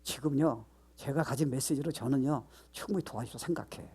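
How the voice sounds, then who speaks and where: A man's voice: mid-range voice, a little fast, a little mellow, slightly rough. An older man, a pastor, preaching a sermon with emphatic delivery and frequent rhetorical questions.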